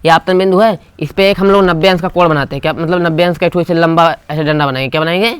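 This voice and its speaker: A man's voice: fairly high pitch, fairly even intonation, fast talker, clear, resonant tone, no echo. A man teaching a physics class, asking the students short questions and repeating key terms. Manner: call-and-response questioning. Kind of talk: classroom lecture.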